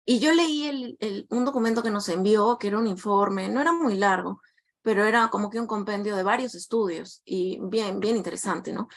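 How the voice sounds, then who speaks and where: A woman's voice: mid-range voice, normal speed. Hesitant woman telling an anecdote. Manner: hesitant, many restarts and tag questions. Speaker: student. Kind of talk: recounting an anecdote in class.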